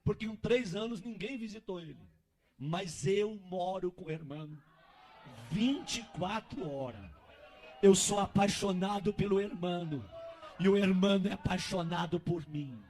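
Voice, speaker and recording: Man voicing a slow, tender divine spirit. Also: high voice, lively intonation, a little mellow. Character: Holy Spirit, tender and intimate.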